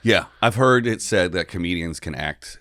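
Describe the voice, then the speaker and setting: A man's voice: sits low, lively intonation, moderate pace, fairly bright tone, dry recording, clean studio sound. A man hosting a casual comedy interview, chatting in slangy, joking banter. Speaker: podcast host.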